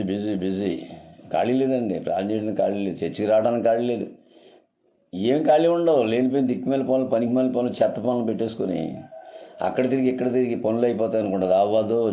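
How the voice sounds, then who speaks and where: A man's voice: on the low side, highs cut off. A man preaching a sermon as a pastor, emphatic and repeating his phrases for weight.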